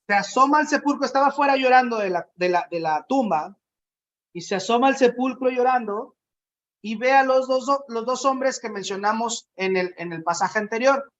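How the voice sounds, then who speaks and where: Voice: mid-range voice, lo-fi sound, slight background noise. A preacher giving a conversational sermon, asking the congregation questions and acting out quotes.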